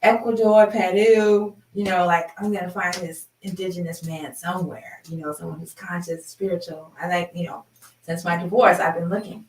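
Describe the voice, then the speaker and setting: Chatty storyteller, woman in her fifties, animated delivery; distant mic, reverberant room. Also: lowish voice, normal speed, a little hiss or hum. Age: 50s. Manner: chatty, animated, laughs while telling. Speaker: sound healing host. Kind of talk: personal storytelling. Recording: roomy, from a distance.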